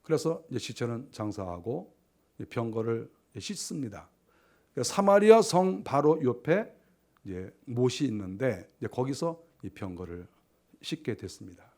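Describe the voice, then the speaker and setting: A male pastor preaching a sermon, telling the story vividly by acting out the characters' shouts and laughing along, then dropping into hushed, low narration. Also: sing-song, moderate pace.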